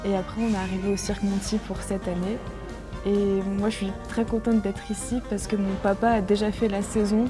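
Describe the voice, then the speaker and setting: A woman's voice: mid-range voice, level tone, brisk. A young woman from France, a circus flyer chatting cheerfully in an interview with many fillers. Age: young adult. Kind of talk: interview testimony. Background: guitar music.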